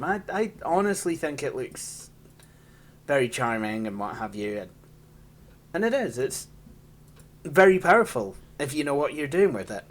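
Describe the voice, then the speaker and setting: A Scottish man casually walking through an old operating system, rambling and poking fun at himself, laughing often. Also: mid-range voice. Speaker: tech channel host. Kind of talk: casual hands-on software walkthrough.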